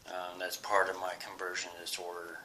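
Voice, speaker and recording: A man in his forties speaking to a camera in a personal vlog, halting with many pauses and fillers, sometimes dropping to a soft whisper. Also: sits low, monotone, a little hiss or hum, rough recording. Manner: drops to a soft whisper at times. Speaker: vlogger. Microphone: camera he faces while recording.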